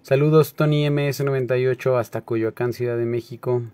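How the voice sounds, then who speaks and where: A man with a Mexico City accent chatting casually on a late-night livestream, greeting viewers by name in relaxed, slangy talk. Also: medium pitch, brisk, smooth, no echo. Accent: Mexico City Spanish. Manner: laid-back, slangy, greets viewers by name, laughs often.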